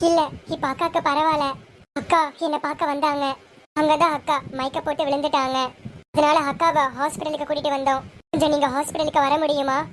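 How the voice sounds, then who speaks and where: A woman voicing Deepika, an anxious, remorseful young woman in a serial drama, talking in a pleading, emotional way. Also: little pitch movement, a little fast, slight background noise, close to an everyday voice. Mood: urgent.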